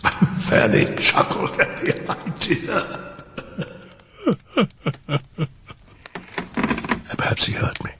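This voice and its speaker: A man playing an unhinged, cunning murderer who confesses in dramatic fireside storytelling, with theatrical drawn-out words and a gravelly voice that slips into whispers. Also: slight background noise, exaggerated voice. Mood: manic glee, then hushed suspense. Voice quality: low gravelly voice breaking into whispers and high cackles. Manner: theatrical, drawn-out words, sudden swings in pitch and pace. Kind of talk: dramatic fireside storytelling of a gothic horror tale.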